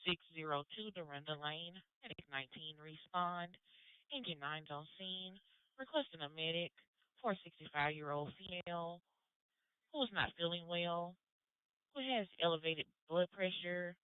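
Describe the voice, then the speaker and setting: A woman's voice: fairly low pitch, moderate pace, clear, resonant tone, dry recording. A woman dispatching medical units over radio in a formal, procedural way. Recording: narrow-band two-way radio.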